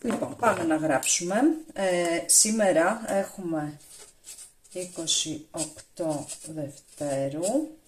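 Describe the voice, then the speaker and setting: A woman's voice: on the low side, slight background noise. A woman with a Greek accent chatting casually to viewers as she walks through her cooking steps in a home kitchen, recorded from a camera on the counter. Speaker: cooking vlogger. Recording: echoey kitchen.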